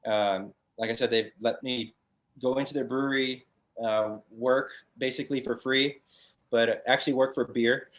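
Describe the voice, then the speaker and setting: A man, a brewery founder chatting as a guest on an interview show, relaxed and full of fillers and restarts. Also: medium pitch, moderate pace. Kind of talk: casual interview chat.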